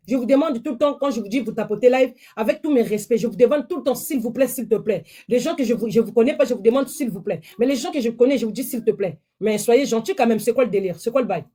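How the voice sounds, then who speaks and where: A woman, hosting a live-stream sales pitch from her phone, chatty and repetitive, pleading with viewers. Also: fast, hardly any pauses, mellow. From DR Congo.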